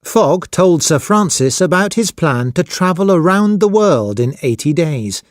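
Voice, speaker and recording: Slow, expressive man narrating a storybook. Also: on the high side, no room sound, clean studio sound. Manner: slow, expressive, clearly spoken. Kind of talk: scripted storybook narration for children.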